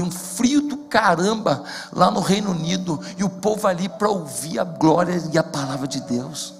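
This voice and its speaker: A man preaching a sermon as pastor, impassioned and building to shouts. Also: sits high, gravelly. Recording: long hall reverb with faint music.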